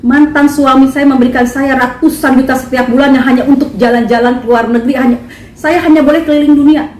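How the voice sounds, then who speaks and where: Higher-voiced woman, worked up, talking to the press, echoey room, faint hiss. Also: steady tone, fast talker, a little mellow, distant mic. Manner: indignant, emphatic. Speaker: singer at a press conference. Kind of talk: press conference statement. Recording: echoey, from afar, faint noise.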